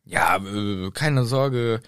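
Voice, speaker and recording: Ein Mann, der in einer lockeren Podcast-Runde verspielt eine Geschichte nacherzählt. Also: male voice, fairly low pitch, animated, extremely slow, a bit bright, clean tone, no echo, studio quality. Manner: playful, acts out quotes. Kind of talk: casual chat, retelling a story.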